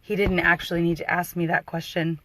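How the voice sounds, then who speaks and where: A doula telling a personal birth story, her voice emotional and close to tears, halting with frequent restarts. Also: on the low side, little pitch movement, a bit bright, dry recording, low-quality recording.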